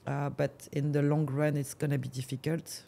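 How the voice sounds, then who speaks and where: A woman's voice: low voice, flat delivery, moderate pace, gravelly, mellow. A woman with a French accent, a real estate agent answering interview questions in a hesitant way, with many fillers and restarts. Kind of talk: casual interview.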